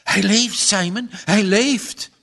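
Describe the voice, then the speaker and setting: A man's voice: sits high, very animated, slow pace, sharp tone, pitched above the performer's own voice, heavily acted. A man voicing an older farm wife who speaks in an anxious, pleading tone. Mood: relieved. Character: elderly farm mother, anxious and tender.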